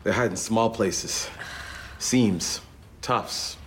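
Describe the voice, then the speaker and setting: A man's voice: fairly low pitch, very slow, a little hiss or hum. A man playing a plain-spoken, matter-of-fact pest exterminator in a TV drama, explaining things. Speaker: pest control worker. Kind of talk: television drama acting.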